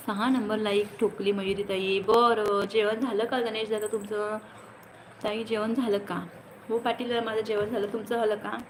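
A woman's voice: mid-range voice, level tone, moderate pace, a little hiss or hum, poor audio. A woman hosting a casual phone livestream, greeting viewers by name and chatting in a teasing way. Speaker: livestream host. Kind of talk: casual live chat reading comments.

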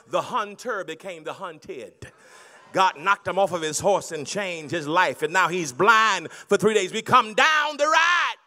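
Middle-aged preacher guy on a handheld mic, high bright voice, swoops all over from hush to shout. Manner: preaching, swings from low storytelling to loud shouting. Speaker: pastor. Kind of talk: sermon. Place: large banquet hall, indoors.

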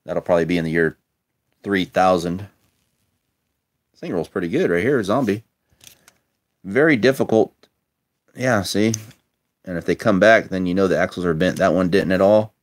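Low-voiced guy unboxing toy cars at home, wry muttering asides, phone cam. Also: normal speed, long pauses. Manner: chatty, wry and self-mocking, muttering asides. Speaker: toy collector vlogger. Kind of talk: casual unboxing commentary. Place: indoors at a table, filming toys close up.

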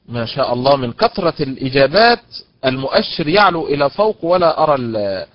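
A man's voice: medium pitch, sing-song, fast talker, dry recording. A man teaching an online lesson on Quranic recitation stress, patiently drawing out example words and praising his students by name. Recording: dull, dry lo-fi online lecture audio.

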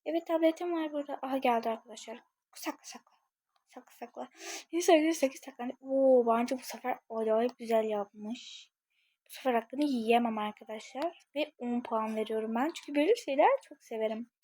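A young woman who runs a gaming channel casually comments on the game she's playing, chatting with her viewers and thinking aloud. Her voice is a little high and brisk, with a dark tone.

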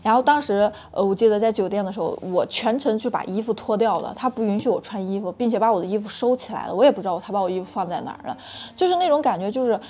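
A woman hosting her own channel, telling a frank personal story in an animated, chatty way with many restarts. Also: medium pitch, quick pace. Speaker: channel host sharing personal experience.

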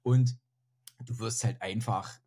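In a casual interview, a podcast guest in his forties from northern Germany chats self-deprecatingly and fills his speech with fillers. He speaks slowly in a fairly low, steady, warm voice. The recording is from a home room indoors, captured on a video-call headset.

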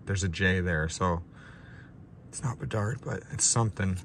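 A man's voice: deep voice, normal speed, vocal fry, a bit bright, a little hiss or hum. A young man with a stuffed-up nose, casually talking through opening trading card packs, unscripted and a bit self-deprecating. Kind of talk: casual pack-opening commentary. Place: small room with a ring light.

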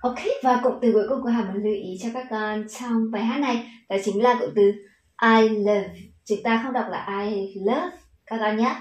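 A woman's voice: fairly high pitch, fairly even intonation, fairly quick, hardly any pauses, darkish tone, echoey room, rough recording. A woman with a Vietnamese accent teaching children English pronunciation, patient and encouraging, stretching out the model words.

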